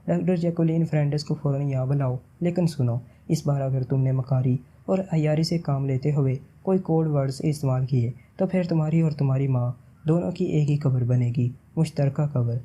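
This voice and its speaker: A man's voice: fairly high pitch, few pauses, warm tone, lo-fi sound, lightly acted. A man reading a cold, stern agent. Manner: cold and serious.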